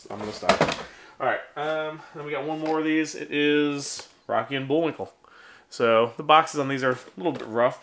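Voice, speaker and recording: A toy collector vlogger rambles through a casual unboxing of old toys, self-deprecating and full of ums, in a medium-pitched voice. He's filmed on a handheld camera and then on a tripod, with faint background noise.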